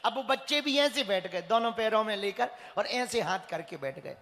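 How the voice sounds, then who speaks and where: A man telling a comic religious story in a lively way, acting out the voices. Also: high-pitched, moderate pace, in a large hall.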